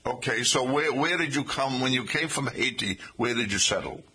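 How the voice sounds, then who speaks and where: An older man hosting a casual interview. He sounds forceful and a little husky, and he keeps praising his guest's answers with encouragement. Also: mid-range voice, moderate pace. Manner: warm, encouraging questioner who praises answers. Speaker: talk show host.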